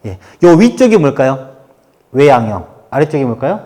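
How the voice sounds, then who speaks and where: A man giving a workshop lecture on workplace communication, talking in a lively way and acting out the remarks people make. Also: medium pitch, moderate pace. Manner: lively, animated, acts out quoted remarks. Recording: hall reverb.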